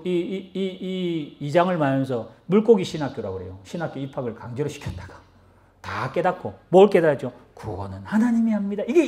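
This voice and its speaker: A man preaching a sermon as pastor, animated, acting out quoted lines and often repeating words as he searches for them. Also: a little high.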